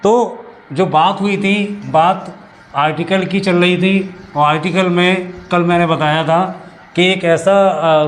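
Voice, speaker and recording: A male Hindi teacher, serving as an English teacher, gives a classroom-style grammar lesson in a slightly higher voice. He explains slowly, with many repetitions and restarts.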